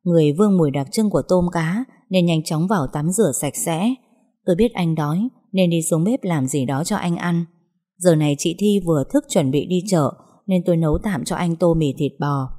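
A woman's voice: on the low side, normal speed. A woman narrating a first-person love story in a chatty way, talking to her listeners. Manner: warm, chatty, addresses listeners.

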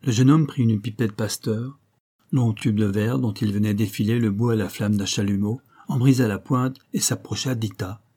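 A man reading a classic detective novel aloud as a narrator, with steady storytelling that rises in pitch for the characters' lines. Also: normal speed, breathy edge. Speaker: audiobook narrator.

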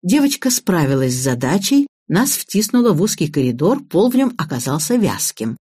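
A woman narrating an audiobook in the first person, in a lively, expressive way. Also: fairly low pitch, normal speed, breathy edge.

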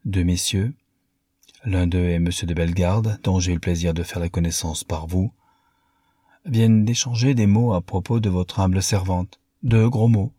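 A vain, scheming young Parisian woman, delighted to be fought over, as a male reader puts her on. The voice stays deep and husky, and it is recorded dry. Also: normal speed, warm tone, no echo. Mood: coquettish. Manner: coquettish, mocking.

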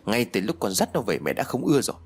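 A man voicing a sharp-tongued older village mother who scolds her son resentfully in an audiobook. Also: fairly low pitch, big pitch swings, quick pace, husky. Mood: scolding. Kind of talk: audiobook character voice.

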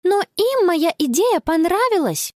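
A woman's voice: moderate pace, no echo, clean studio sound. Woman doing an eager, squealing young girl. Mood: pleading. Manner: excited, high exclaiming voice.

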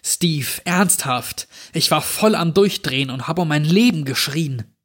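A man voicing a frightened young man trapped behind a door, shouting and pleading for help. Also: fairly high pitch, animated, a little slow. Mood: angry. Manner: raised, desperate pleading.

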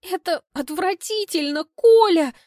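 A woman's voice: extremely high pitch, measured pace, a little mellow, no echo, studio quality, pitched above the performer's own voice. A woman reading an audiobook, voicing a melodramatic young heroine who breaks into wailing outbursts. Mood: horrified.

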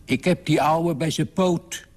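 A man reading a story, voicing a jolly, loud, teasing father who loves pranks. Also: medium pitch, big pitch swings, slow pace, slightly rough, pitched above the performer's own voice, full character voice. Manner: boisterous, teasing.

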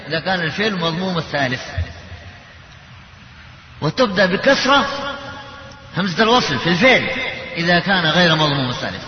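High-voiced teacher in an echoing hall. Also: male voice, slight background noise. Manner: explains rules with spoken examples, chants verses slowly. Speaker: tajwid teacher. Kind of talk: Quran recitation lesson. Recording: echoey hall, dull lo-fi sound.

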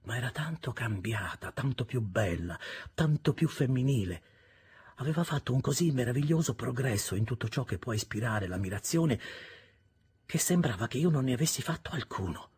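A man reading a classic novel aloud as an audiobook, in an expressive, measured storytelling manner. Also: mid-range voice, creaky, husky. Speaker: audiobook reader.

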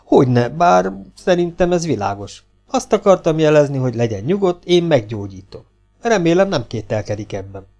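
A man's voice: on the high side, sing-song, a little mellow, soft background music, voice pushed up. A man voicing a pompous, condescending young asylum doctor with a patronizing, self-satisfied manner. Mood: smug.

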